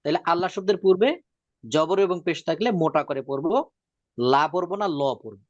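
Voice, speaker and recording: A man's voice: a little high, lively intonation, dry recording. Patient male Quran reading teacher, dry lo-fi sound. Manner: drawn-out slow demonstration of words; repeats rules patiently. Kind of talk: religious reading lesson.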